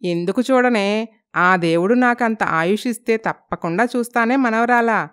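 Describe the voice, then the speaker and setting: A woman's voice: on the high side, moderate pace, clear, resonant tone, natural voice. A woman playing a teasing old grandmother. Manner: scolding, teasing, affectionate.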